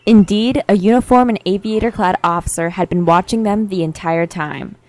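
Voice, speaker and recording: A young woman narrating a mock-epic tale in a wry, deadpan storytelling manner. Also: mid-range voice, moderate pace, poor audio. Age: young adult.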